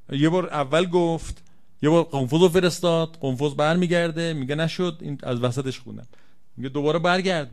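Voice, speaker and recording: A man giving a religious lecture, reading aloud from an old Arabic text and translating it line by line for his listeners. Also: medium pitch. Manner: swings from quiet to loud, emotional emphasis. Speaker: preacher.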